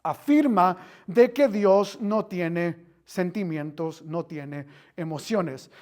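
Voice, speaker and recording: Unhurried church teacher who quizzes the class and repeats key phrases. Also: mid-range voice, darkish tone. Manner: mixes in English filler words. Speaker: Bible teacher. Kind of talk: interactive Bible class teaching.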